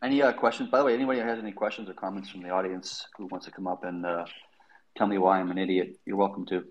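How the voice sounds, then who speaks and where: A man's voice: low-pitched, steady tone, fast talker, highs cut off. A man hosting a casual tech discussion, explaining things in an informal, rambling way with lots of verbal hedging. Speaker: host.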